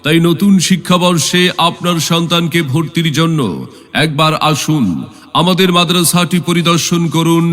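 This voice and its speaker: A man with a Bangladeshi accent reading a scripted public announcement advert in a formal, measured way with drawn-out phrases. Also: on the high side, level tone, a bit bright. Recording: long echoing reverb, music bed. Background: music.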